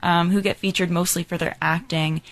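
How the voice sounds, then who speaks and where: A young adult woman who directed and composed a musical chats in a casual interview, upbeat and quick, with lots of "like" and "you know." Her voice sits on the low side and her tone stays level.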